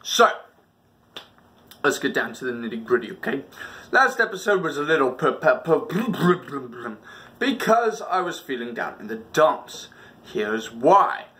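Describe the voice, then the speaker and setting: Telling funny personal stories in an animated video, this host goes all in on theatrics, acting out reactions and adding sound effects. His mid-range voice swings widely in pitch, sounding bright and forceful at a measured pace.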